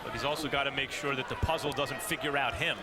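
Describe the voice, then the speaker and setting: A man giving live boxing analysis, explaining in deliberate phrases. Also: medium pitch, heavy background noise. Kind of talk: live sports commentary.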